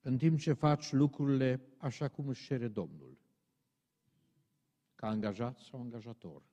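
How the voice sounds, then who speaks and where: A man's voice: mid-range voice, dark tone, highs cut off. Preaching man in an echoing hall. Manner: emphatic, rising to stern exhortation. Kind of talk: sermon. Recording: long reverb of a large hall.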